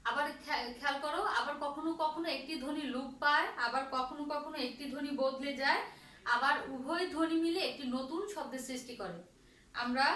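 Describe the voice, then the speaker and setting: High-pitched woman teaching a class, asks then answers herself, echoey room, mic a bit far off. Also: fairly bright tone. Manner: slow, repetitive, asks and answers her own questions. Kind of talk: online grammar lesson. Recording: roomy echo from far off, faint ambience.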